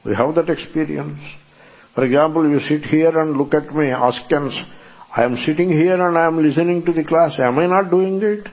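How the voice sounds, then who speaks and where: Man, scripture teacher, enthusiastic, slightly husky voice, dull lo-fi hall recording. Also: on the high side, moderate pace, darkish tone. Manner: enthusiastic, repetitive, chuckling teacher. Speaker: Vedanta teacher. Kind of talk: scripture lecture to a class.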